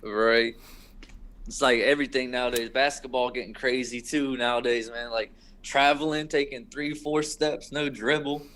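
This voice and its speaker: A man's voice: medium pitch, fairly even intonation, moderate pace, a bit bright. A man chatting casually in a laid-back, slangy way. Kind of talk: casual chat.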